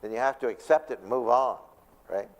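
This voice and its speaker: A man's voice: medium pitch, fairly quick, lo-fi sound. A male pastor giving a conversational church talk on stress, often asking the audience questions. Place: church sanctuary. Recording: long reverb of a church hall.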